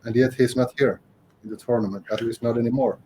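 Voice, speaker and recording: A man's voice: medium pitch, steady tone, quick pace, warm tone, slight background noise, rough recording. A man co-commentating a live game tournament with dry, wry remarks. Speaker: esports co-commentator.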